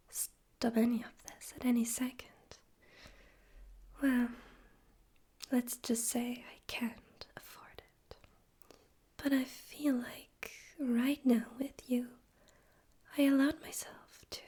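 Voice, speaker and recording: A woman whispers the part of a male demon overlord, smug and theatrical, in ASMR roleplay, her breathy delivery deliberate, teasing, and condescending. Her voice is on the high side, and the feeling here is reluctantly vulnerable.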